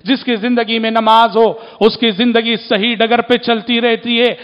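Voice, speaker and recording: A man's voice: very high-pitched, little pitch movement, lo-fi sound. A man preaching a sermon in oratorical style, repeating his phrases for emphasis. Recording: long hall reverb.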